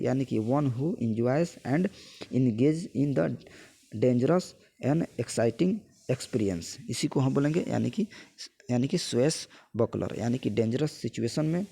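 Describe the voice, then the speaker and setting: A man takes students through a vocabulary lesson. His voice is gravelly and husky, with a dark, mellow tone. He goes through each word's meaning and slows right down to read the English definitions aloud. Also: mid-range voice. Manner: explains each Hindi meaning, then reads English definitions slowly. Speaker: vocabulary teacher. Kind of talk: exam-prep vocabulary lesson.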